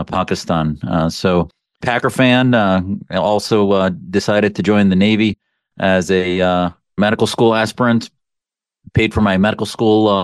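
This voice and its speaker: Very deep, flat-voiced male physician guest. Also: no room sound. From American Midwest. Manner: measured, many uh fillers. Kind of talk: radio interview.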